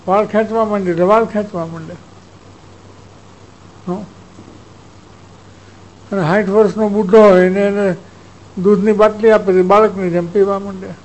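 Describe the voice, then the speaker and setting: A man's voice: sits high, steady tone, moderate pace, long pauses, darkish tone, poor audio. A man, a spiritual teacher giving a discourse who tells stories and acts out exchanges. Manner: storytelling, acts out exchanges, chuckles.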